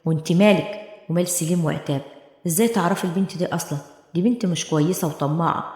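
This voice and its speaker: A woman's voice: on the low side, quick pace, a little mellow, lightly acted. A woman voicing a greedy, self-justifying male lawyer in an Egyptian Arabic accent, impatient and defensive, in an echoey room with long reverb. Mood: angry.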